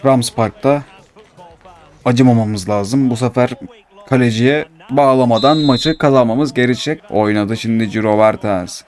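A man commentating his own football video game match, swinging between calm narration and excited, complaining outbursts. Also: mid-range voice, moderate pace. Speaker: gaming YouTuber.

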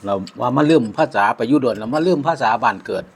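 A man with an Isan accent talks over a home meal in an unhurried, reflective way and uses plenty of polite particles. His voice sits at an ordinary middle pitch. There is faint background noise from cutlery. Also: lively intonation, creaky. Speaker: vlogger. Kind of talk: casual chat over a meal.

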